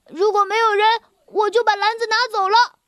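A woman's voice: extremely high pitch, little pitch movement, moderate pace, a bit bright, no echo, clean studio sound. A woman voicing a hungry, greedy male big bad wolf in a children's storybook reading, whiny and demanding. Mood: grumbling.

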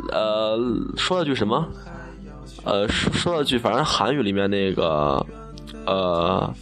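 A young adult broadcasting student from Xi'an, China, speaks at a medium pitch with a fairly bright tone. His relaxed storytelling monologue is chatty and full of funny, self-mocking tales, and he laughs at his own jokes.

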